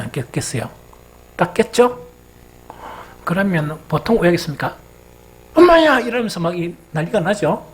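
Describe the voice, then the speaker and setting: Animated Gyeongsang-accented preacher man. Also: a little high, a little hiss or hum, rough recording. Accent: Gyeongsang Korean. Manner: lively preaching with rhetorical questions and folksy storytelling. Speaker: senior pastor. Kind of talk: Sunday sermon. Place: church sanctuary.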